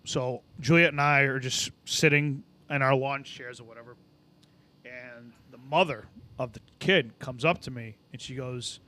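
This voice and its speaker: A man telling stories in a casual podcast chat, animated and swearing often, acting out what other people said. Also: mid-range voice, measured pace. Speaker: podcast co-host.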